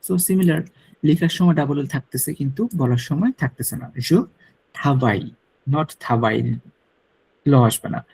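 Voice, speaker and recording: A man's voice: on the high side, fairly quick, darkish tone, slightly rough, low-quality recording. A man teaching a French lesson to students, patiently repeating pronunciation drills. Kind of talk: classroom lecture.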